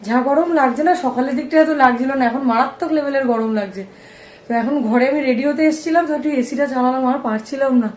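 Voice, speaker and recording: Chatty fast-talking woman vlogger. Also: high voice, a little mellow, roomy sound, a little hiss or hum. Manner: chatty, talks straight to viewers. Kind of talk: casual vlog chat. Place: home.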